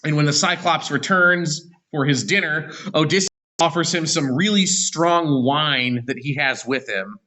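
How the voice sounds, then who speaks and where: A man's voice: fairly high pitch, a little slow, few pauses, bright, forceful tone. A man teaching an online class, retelling a story in an unscripted way with frequent "uh" and "um" fillers and self-corrections.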